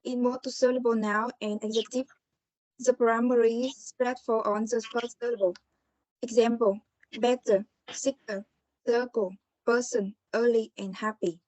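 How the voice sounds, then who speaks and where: Slow-reading young woman presenter. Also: fairly high pitch, fairly even intonation, a little mellow, dry recording, low-quality recording. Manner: slow, word-by-word reading of examples. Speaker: student presenter.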